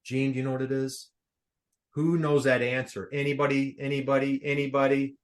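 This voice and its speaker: A man's voice: mid-range voice, level tone, brisk. A man hosting a live online workshop, upbeat and playful, quizzing his audience over a video call. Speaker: workshop host.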